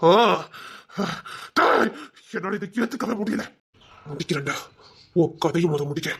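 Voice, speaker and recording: A man's voice: lively intonation, unhurried, gravelly, breathy edge, full character voice. A vengeful man swearing revenge. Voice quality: shouting, sobbing threats. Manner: bitter, menacing, swings loud to low. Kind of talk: TV serial drama.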